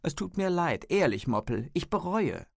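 A man's voice: fairly high pitch, very animated, moderate pace, gravelly, dry recording, clean studio sound, voice pushed up, heavily acted. A man voicing a cheeky teenage schoolgirl who taunts a friend playfully in an audiobook. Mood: mock innocent.

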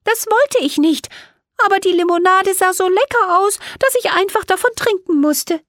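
A woman voicing a cheerful, mischievous little fairy girl in a bright, bubbly voice. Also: very high voice, normal speed, no room sound, clean studio sound, voice pushed up. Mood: innocent.

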